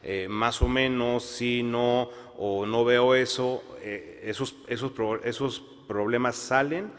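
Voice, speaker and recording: A man speaking on a conference panel, measured, with fillers and restarts. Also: mid-range voice, fairly even intonation. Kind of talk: panel discussion. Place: conference hall. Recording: long hall reverb.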